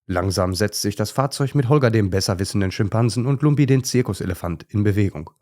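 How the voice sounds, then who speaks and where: A man narrating a children's audio story with a low voice. He reads steadily and clearly. The manner is calm and even. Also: fast talker.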